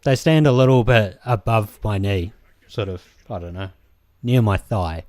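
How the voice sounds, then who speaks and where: A man with a New Zealand accent hosts a let's play, giving casual gameplay commentary and rambling hesitantly between game moments with plenty of ums and restarts. His voice is fairly low and darkish, a little slow, with no room sound.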